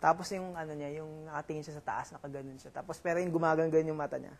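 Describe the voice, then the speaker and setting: Halting young Filipino man telling a story. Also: fairly high pitch, fairly even intonation, creaky. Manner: halting, many fillers and restarts. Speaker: reality show housemate. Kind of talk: casual storytelling.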